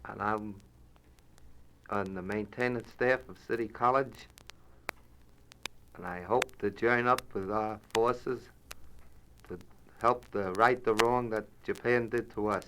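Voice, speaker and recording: A man speaks in a plain, direct way in a somewhat low voice. He gives a short street-interview statement. Faint noise can be heard behind him. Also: fairly even intonation, slow pace, pauses often. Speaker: college maintenance worker.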